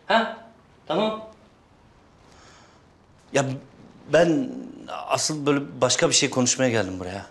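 A man's voice: medium pitch, sing-song, measured pace, long pauses. A man in his thirties playing a lovestruck, defiant, streetwise son with slangy, emphatic speech in a TV drama. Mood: pleading. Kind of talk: television drama acting.

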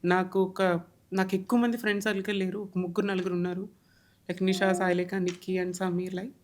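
A woman's voice: medium pitch, flat delivery, brisk, darkish tone, a little hiss or hum. Heartfelt young woman guest. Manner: heartfelt, mixes English words into speech. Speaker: podcast guest. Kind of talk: emotional personal interview talk.

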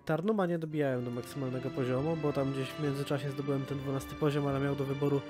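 A man giving relaxed, casual gameplay commentary, musing aloud with wry asides. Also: mid-range voice, fast talker. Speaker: let's play gamer. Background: game music.

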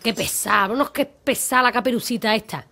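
A woman's voice: on the high side, fast talker, sharp tone. A woman doing a grumpy swearing wolf. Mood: irritated. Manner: gruff, irritated, swearing. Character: grumpy constipated male wolf.

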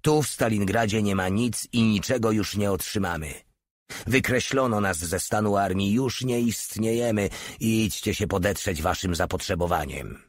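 A man voicing an overworked military medic sergeant, shouting and contemptuous as he insults the listeners. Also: fairly low pitch, normal speed, dry recording, lightly acted. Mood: furious. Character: furious overworked male army medic sergeant.

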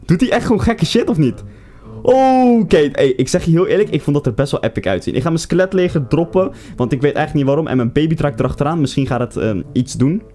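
Excitable young man narrating his game. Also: fairly high pitch, fast, few pauses. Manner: excitable, swears a lot, jumps from groans to shouts. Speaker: gaming YouTuber. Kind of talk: live game commentary.

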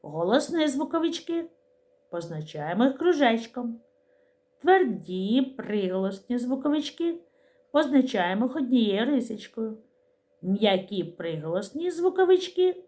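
Middle-aged woman teacher, unhurried and carefully articulated, talking to young children. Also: fairly high pitch, darkish tone. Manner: slow, clearly articulated, sing-song speech to small children. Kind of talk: preschool literacy lesson.

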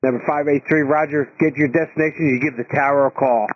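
A man working as an air traffic tower controller, giving stern, authoritative instructions over a radio in a husky voice. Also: a little high, steady tone, fast talker, no room sound, highs cut off. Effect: aviation radio.

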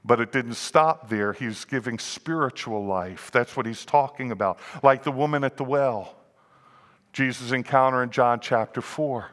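A man's voice: mid-range voice, normal speed, a bit bright, big-room sound. A man in his sixties, a pastor preaching a sermon, rising and dropping in volume and acting out the grumbling crowd. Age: 60s. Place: church sanctuary.

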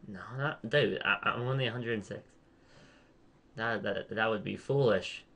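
Young guy rambling thru a game, kinda low voice but bright, keeps restarting and calling himself bad. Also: moderate pace, creaky. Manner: rambling, restarts sentences, self-deprecating. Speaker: channel host. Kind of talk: casual gaming chat.

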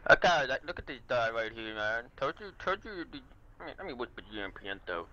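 A man streaming an online shooter, chatting casually with swearing, excitable trash talk into a headset. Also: mid-range voice, fairly quick, highs cut off. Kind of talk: casual gaming chat.

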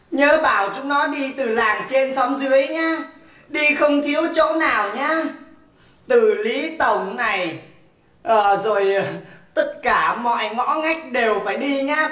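A woman playing a brash, newly widowed wife in a stage comedy sketch. She scolds fast and bossily, then sings slow, mock-mournful laments. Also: high-pitched, fairly bright tone. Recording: echoey stage audio from far off, with music.

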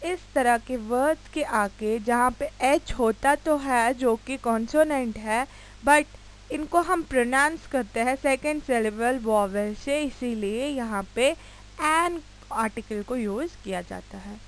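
A woman teacher with an Indian accent gives a grammar lesson at an unhurried pace. Her voice sits high, and she takes words apart letter by letter. She checks in with her students now and then with quick questions. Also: poor audio. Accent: Indian English. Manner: slow, deliberate explaining, spelling words out and asking checking questions. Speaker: English teacher. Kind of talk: video lecture mixing Hindi and English.

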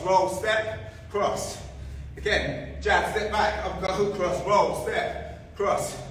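A man's voice: high voice, fairly bright tone. A man coaching a boxing workout, calling out punch combinations and counts in clipped, commanding cues. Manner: clipped, commanding short cues while demonstrating exercise. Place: large indoor boxing gym. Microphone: camera several metres away. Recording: echoey gym, distant mic, faint noise.

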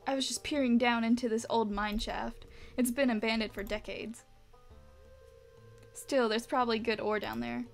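Woman reading as a gruff old adventurer. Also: fairly high pitch, fairly even intonation, moderate pace, soft background music. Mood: ominous. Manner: reads game dialogue aloud in her own voice. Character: grizzled old male guild keeper, gruff.

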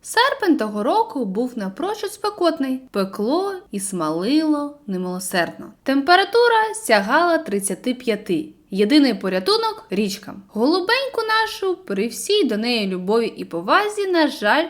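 A woman reads a children's storybook aloud in a high voice. Her delivery is expressive and lilting, with lively swings of pitch. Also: moderate pace, few pauses. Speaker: reader.

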